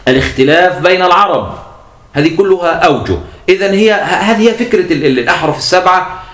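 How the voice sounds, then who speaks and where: Male teacher, Egyptian accent, higher-pitched, patient step-by-step lecturer; roomy, echoey recording. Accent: Egyptian Arabic. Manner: explains step by step, repeats key points, addresses listeners as beloved in God. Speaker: teacher of Quran sciences. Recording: echoey room.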